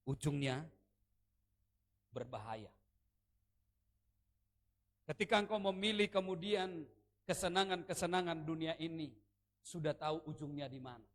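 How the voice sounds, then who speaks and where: A man preaching a sermon at a church service, animated and joking, leading the congregation in repeating phrases. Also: fairly high pitch.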